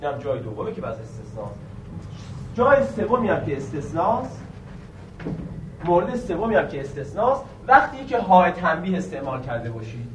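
A man teaching a grammar lesson, quizzing the students with questions and slowly stretching out key words. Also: fairly high pitch, very animated, recorded from a distance, noisy background. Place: classroom. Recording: echoey room recorded from afar.

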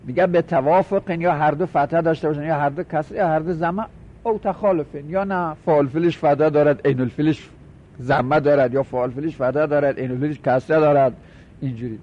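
A man's voice: on the high side, fairly even intonation. Man teaching in a muffled recording. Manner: explanatory, repeats terms, asks students quick questions. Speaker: teacher of Arabic morphology. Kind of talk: classroom lecture, explaining and counting forms.

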